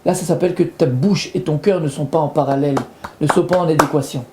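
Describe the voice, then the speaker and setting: A man's voice: on the high side, fairly even intonation, fast talker, echoey room. A man, a rabbi, giving a Torah lesson, explaining patiently and repeating his points while weaving in Hebrew terms.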